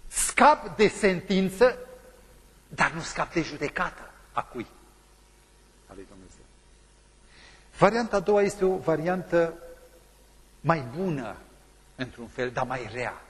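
Male pastor, dramatic sermon storyteller, lively swooping delivery, husky tone, reverberant hall. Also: a little high, long pauses. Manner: dramatic storytelling, acting out the people in his story.

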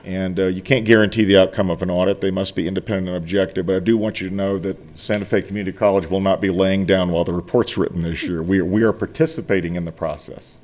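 Talking fast with few pauses, a middle-aged college finance officer gives the board a formal finance report while seated at a meeting room table before a desk mic. His voice is low, darkish and steady; he's earnest and emphatic, often restarting phrases.

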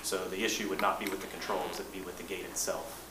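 A man with a somewhat low voice walks a board through a technical update, speaking in a measured, plain way and often restarting his phrases. He sounds set back from the mic in an echoing room, with clear background noise. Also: level tone. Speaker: engineering manager briefing a board. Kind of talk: presentation to a board. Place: boardroom meeting. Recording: roomy distant mic, noisy meeting room.

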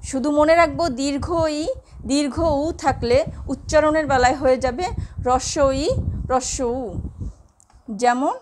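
Woman teacher, high voice, patient and repetitive, light background hiss. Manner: slow, repeats examples for students. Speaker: Bengali teacher. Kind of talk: classroom lesson on pronunciation.

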